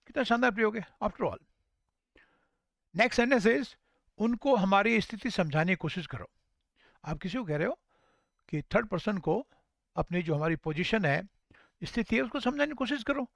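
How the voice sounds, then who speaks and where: Male language teacher, high-ish voice, slow deliberate phrase modeling, dry recording. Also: expressive, gravelly, a bit bright, no echo. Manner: repeats English sentences slowly for learners to copy. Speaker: English teacher. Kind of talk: spoken language lesson.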